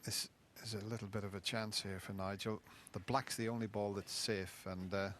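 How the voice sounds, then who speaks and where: A man giving informal shot-by-shot snooker commentary, thinking aloud in a measured, conversational way. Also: lowish voice, level tone, fairly bright tone. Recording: crowd and room noise behind. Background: snooker hall audience ambience.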